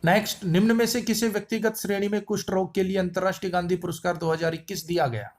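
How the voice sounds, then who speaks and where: A man's voice: high-pitched, little pitch movement, quick pace, a little mellow. A man teaching general-knowledge quiz answers with playful wordplay and repetition. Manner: playful wordplay, repeats lines. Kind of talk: memory-trick quiz lesson.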